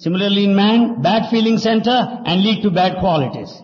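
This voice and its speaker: A man translating a discourse phrase by phrase, in short measured phrases. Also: sits high, expressive. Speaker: interpreter. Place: large hall. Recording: dull 1992 archive tape in an echoey hall.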